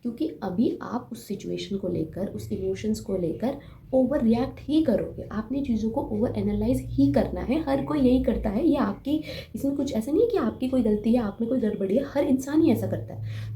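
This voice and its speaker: A woman's voice: medium pitch, mellow. A young woman giving casual self-help advice to camera. She talks in a chatty, joking way and often checks in with her listeners. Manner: chatty, joking asides, frequent "theek hai?" check-ins. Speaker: self-help video host. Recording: noticeably roomy, with faint room noise.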